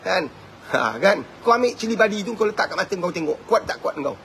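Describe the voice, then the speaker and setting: A man with a Malaysian Malay accent giving a live-streamed religious talk, animated and chuckling, always asking his listeners whether they agree. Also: high voice, fairly quick, a little hiss or hum. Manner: animated, keeps asking the audience "right?"; chuckles often. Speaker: preacher.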